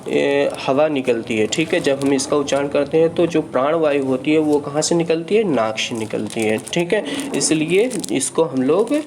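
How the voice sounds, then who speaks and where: A man's voice: fairly high pitch, moderate pace, hardly any pauses, a little mellow, a little hiss or hum. A man teaching Hindi grammar in an online exam-prep lesson. He explains each point patiently and keeps checking in with "ठीक है".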